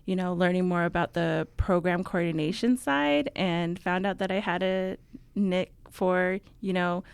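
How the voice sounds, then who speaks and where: Chatty young woman from New Mexico with a smooth voice. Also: on the low side, measured pace, dry recording. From Navajo, New Mexico. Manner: chatty, many ums, laughs easily. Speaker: guest, outreach coordinator. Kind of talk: casual interview talk. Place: radio studio.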